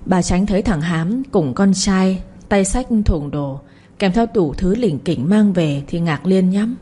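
A woman narrates a serialized family drama in an even storytelling read. Her voice is mellow and dark, with a husky edge. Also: on the low side, a little slow.

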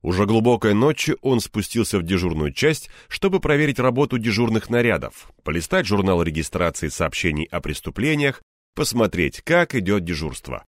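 A man narrating an audiobook in the first person, expressive and acting out the tension. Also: on the low side, normal speed, no echo, clean studio sound.

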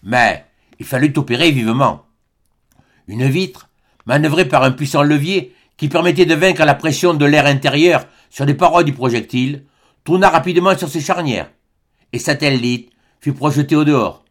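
A man's voice: a little high, normal speed. Man narrating a classic novel. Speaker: audiobook narrator. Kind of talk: scripted narration.

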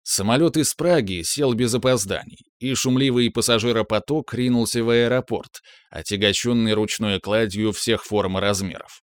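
A young man narrating an audiobook in a wry, measured way. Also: fairly low pitch, fairly even intonation, dry recording, studio quality. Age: young adult.

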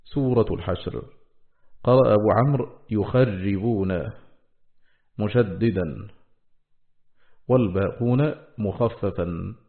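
A man reading a classical scholarly text aloud in a measured recitation, slowing down to spell out each quoted word. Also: fairly low pitch, creaky, phone-quality sound. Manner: slows to spell out quoted words.

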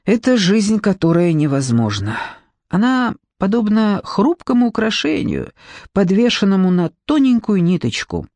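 A man reads an eccentric paranormal detective who lectures and grumbles with dry sarcasm. The voice sits fairly high and swings lively in pitch. The audiobook recording is dry and close. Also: unhurried, no echo, heavily acted. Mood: lecturing. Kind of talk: audiobook character reading.

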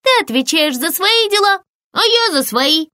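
A brave little hare cub, voiced by a woman in a children's audiobook, his voice pitched very high and bouncing with urgency. He calls out instructions in quick, eager bursts, and the sound is close and dry. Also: expressive, pushed and bright, no echo, full character voice. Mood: earnest.

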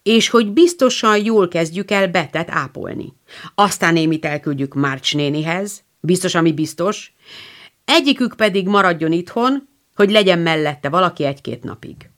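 A woman's voice: on the low side, expressive, natural voice. A woman reading the part of a capable older housekeeper in a storybook, practical and reassuring. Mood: matter-of-fact.

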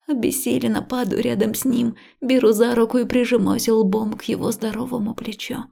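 A woman narrating a first-person audiobook in an intimate, emotional style, often slipping into a breathy whisper. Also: fairly high pitch, fairly even intonation, moderate pace, warm tone.

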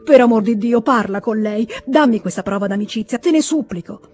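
Emotional begging nobleman, raised and loud, read by a husky-voiced woman. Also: a little high, fairly quick, faint music behind, lightly acted. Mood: imploring. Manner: emotional, imploring, rising to cries. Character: pleading warm-hearted middle-aged nobleman, brother-in-law.

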